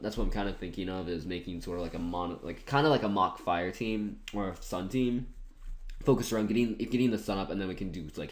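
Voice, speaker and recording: A man giving casual commentary over an online game battle, thinking aloud in a chatty, self-mocking way. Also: sits low. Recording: roomy echoey room.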